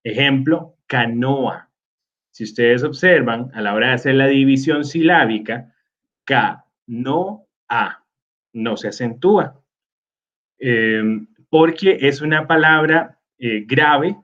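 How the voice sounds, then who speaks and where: A man teaches a recorded slide lesson at a slow, unhurried pace. He stops often on small hesitations as he gathers his thoughts. The audio is dull and lo-fi. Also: mid-range voice, a bit bright. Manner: slow, with many fillers like "este" and "eh".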